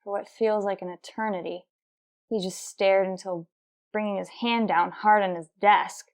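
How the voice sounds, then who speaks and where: In a radio crime drama, a woman serves as narrator and lead, playing a determined, no-nonsense detective sergeant. She speaks at medium pitch and normal speed, close to her everyday voice, keeping things terse, deadpan, and matter-of-fact in a procedural way.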